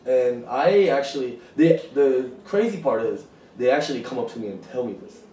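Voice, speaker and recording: A South Korean street artist in his 20s talks casually in an interview, loose and rambling with many fillers. His mid-range voice is mellow with lively intonation at normal speed, picked up by a distant mic in a roomy space with slight background noise and faint ambience.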